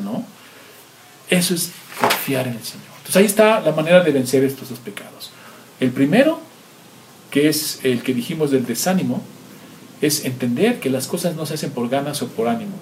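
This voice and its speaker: A man's voice: mid-range voice, darkish tone, slight background noise. A man, a pastor delivering a sermon full of rhetorical questions and acted-out everyday examples.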